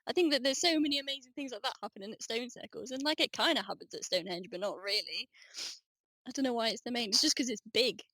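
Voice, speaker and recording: A young woman in her twenties, a student appearing as a podcast guest, chats enthusiastically in a casual conversational interview, scattering plenty of "um" and "like." Her voice is slightly high, fast, bright, and forceful, recorded dry.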